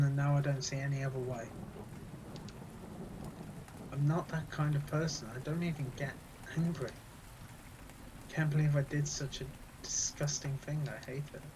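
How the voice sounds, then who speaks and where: A young man reading the lines of a guilt-ridden sixteen-year-old boy in a quiet, halting, despairing way, with game music behind. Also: on the high side, noisy background, lightly acted. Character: troubled teenage boy full of guilt.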